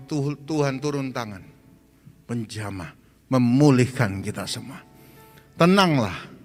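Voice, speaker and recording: A man preaching as a pastor, telling stories with animated voices and swinging between loud urging and soft, hushed lines. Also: a little high, in a large hall. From Indonesia. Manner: animated storytelling, acts out cries for help. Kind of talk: sermon.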